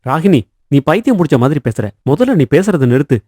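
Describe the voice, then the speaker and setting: A man's voice: fairly high pitch, sing-song, quick pace, mellow, no room sound. A man voicing a patient, dutiful elder son and husband in a cartoon, speaking firmly and reasonably. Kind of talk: cartoon voice acting.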